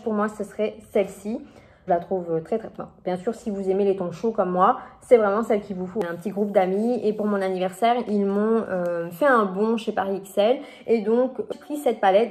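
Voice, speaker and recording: A woman's voice: medium pitch, a little mellow. A woman beauty vlogger talking casually through her makeup, hesitant, with lots of fillers and restarts. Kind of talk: casual product review chat.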